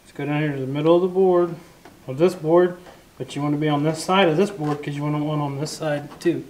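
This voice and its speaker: A middle-aged man patiently teaching a boy to drive screws, talking calmly in a large barn. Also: on the high side, brisk. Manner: calm, coaching, gentle. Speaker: farmer teaching a boy carpentry. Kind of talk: patient step-by-step instruction. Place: large metal barn, indoors. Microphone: camera mic, varying distance. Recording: noisy barn, drill sounds.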